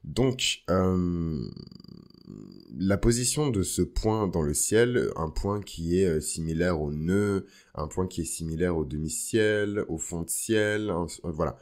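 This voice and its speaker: A man's voice: low voice, takes it slowly, darkish tone. A man hosting an astrology podcast as a casual, informal monologue, dropping bits of English slang into his talk. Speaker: podcast host.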